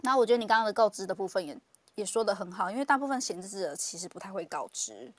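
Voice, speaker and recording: A woman hosting a relaxed conversation streamed live from an online audio room. She talks at a brisk clip, animated and quick to laugh, with plenty of filler words. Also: mid-range voice, no room sound. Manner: fast, animated, laughs often, many fillers. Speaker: podcast host.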